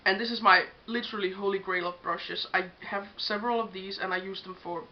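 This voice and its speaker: With a steady, medium-pitched voice at a fairly quick pace, a Danish-accented young vlogger demonstrates makeup brushes. Her English, a second language, comes out chatty and hesitant with lots of ums. The lo-fi home audio is dull with faint hiss.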